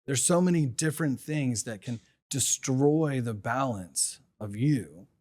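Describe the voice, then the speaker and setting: A man's voice: medium pitch, expressive, measured pace, darkish tone. A middle-aged man hosting a solo motivational podcast, reflective, asking rhetorical questions and drawing on his own life. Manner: reflective, asks rhetorical questions, talks from personal experience. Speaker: podcast host.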